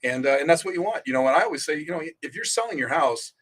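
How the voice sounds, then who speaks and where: A man's voice: on the high side, animated, very fast, fairly bright tone. A man co-hosting a real estate radio show, giving advice in an emphatic, casual way and often repeating words as he starts a sentence. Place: radio studio.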